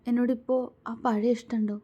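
A woman voicing a tender young wife who asks soft, pleading questions in a storybook romance. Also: on the high side, little pitch movement, brisk, slightly rough, muffled recording.

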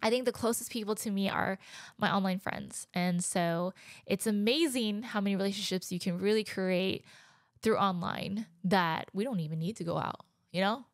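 She's a young podcast host in her twenties, speaking at a moderate pace in a medium-pitched voice from her living room couch. Chatty and candid with the odd laugh, she talks close into a handheld dynamic mic, and there's no room sound.

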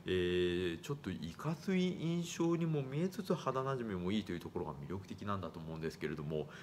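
Guy in his 30s showing off glasses in a shop, low voice that swings up and down a lot, faint noise behind. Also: brisk. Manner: formal, courteous, lively rises in pitch. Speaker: eyewear shop staff presenting frames. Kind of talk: polite product presentation. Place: small indoor eyewear shop. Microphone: phone camera at arm's length.

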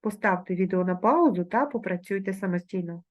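Woman teacher dictating slowly and clearly. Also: medium pitch, animated. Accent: Ukrainian. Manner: slow, carefully articulated dictation of words. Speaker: primary school teacher. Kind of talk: recorded online lesson.

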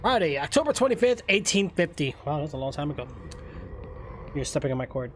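A man's voice: a little high, big pitch swings, a little fast. Exasperated male streamer over game noise. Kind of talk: casual live game commentary. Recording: game ambience and noise behind.

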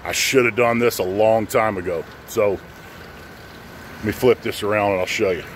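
A middle-aged American man, owner of a pressure washing business and host of a channel, films a casual, unscripted how-to vlog on a handheld phone held at arm's length in a residential driveway. His voice is on the low side at a normal speed, and his manner is informal and plain-spoken. The outdoor phone audio picks up light background noise.

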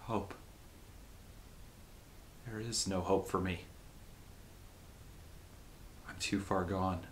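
Tormented possessed man, dramatic monologue, anguished, menacing to desperate, slow delivery, noisy room recording. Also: sits low. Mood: despairing, grim. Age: 20s. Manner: anguished, swinging from hushed menace to desperate shouting. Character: tormented man possessed by demons, warning others away. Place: small plain indoor room.

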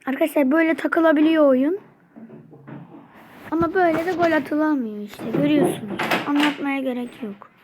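A woman's voice: high-pitched, fairly quick, noisy background. A young woman with a Turkish accent commentating her mobile football game for her channel, chatty and easily frustrated, talking to her viewers throughout. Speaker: gaming channel host.

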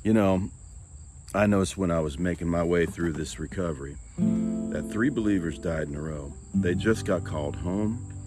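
A man with a low, deep voice delivers an earnest, reflective sermon-style talk. He often doubles back and repeats words as he thinks aloud. Music plays steadily behind him. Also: normal speed, mellow. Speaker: preacher and songwriter. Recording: music bed playing behind the voice.

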